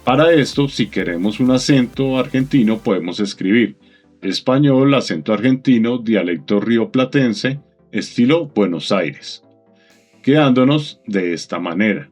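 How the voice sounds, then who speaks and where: A man narrating a software tutorial in a calm, methodical, instructive voice-over. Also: medium pitch, unhurried, soft background music.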